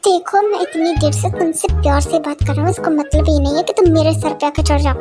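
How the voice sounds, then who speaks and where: A woman's voice: sits high, steady tone, fairly quick, over music, close to an everyday voice. A woman voicing a stern, unsmiling young man who scolds his sister's friend, in a fan-dubbed romance audio story. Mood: scolding.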